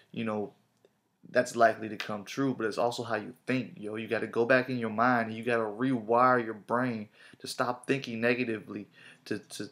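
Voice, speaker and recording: A vlogger with a medium-pitched, slightly bright voice gives a casual motivational talk to camera. His phrasing is slangy and repetitive, and he keeps repeating himself.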